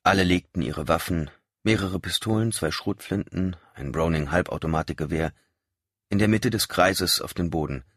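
A man narrating a novel in an expressive storytelling manner. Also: deep voice, moderate pace, dry recording, clean studio sound. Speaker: audiobook narrator. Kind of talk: scripted narration.

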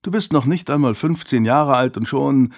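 A man voicing a gentle, pleading middle-aged aunt in an audiobook reading. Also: mid-range voice, normal speed, voice pushed up, natural voice. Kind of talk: audiobook character voice.

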